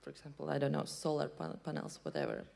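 A woman in her thirties speaking as a panelist on a stage, answering haltingly with pauses into a handheld mic. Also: low voice, very animated, gravelly, darkish tone. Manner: halting, many fillers and restarts. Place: stage in a large hall.

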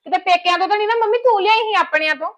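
A woman plays a bitter daughter-in-law, complaining at length in a very high, piercing voice. She sounds resentful and sharp, a village family drama figure airing old grievances. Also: very fast, highs cut off.

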